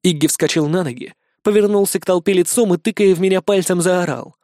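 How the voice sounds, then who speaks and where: A man narrates an audiobook in a steady, expressive storytelling manner. His voice sits fairly high for a man. The recording is close and dry, with no room sound. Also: fairly quick, no room sound.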